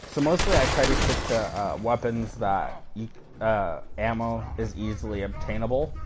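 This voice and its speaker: Man, gaming host, rambling casual commentary, hiccups, slightly low voice. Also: noisy background. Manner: rambling, loose, swears offhandedly. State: has the hiccups. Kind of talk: casual let's play commentary.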